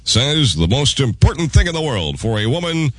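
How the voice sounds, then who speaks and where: A man's voice: medium pitch, sing-song, normal speed. A man working as a morning radio DJ, mixing announcements with wry, joking patter. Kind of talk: radio patter, time, weather and traffic.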